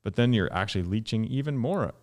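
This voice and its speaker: A man in his thirties, a guest scientist on a podcast, explaining in an animated way and jumping up in pitch to stress points, recorded in a dark studio on a studio mic. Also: fast. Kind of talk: podcast conversation. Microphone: studio mic with headphones.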